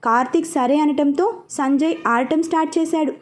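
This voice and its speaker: Brief: woman narrator for a serial story, high voice, steady and even. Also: normal speed.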